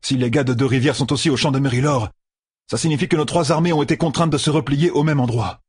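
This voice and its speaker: A man's voice: mid-range voice, fast, darkish tone, husky, no echo, clean studio sound, pitched above the performer's own voice, close to an everyday voice. A man reading an audiobook voices an exhausted, stubborn young lord who presses with insistent questions. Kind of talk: audiobook character voice.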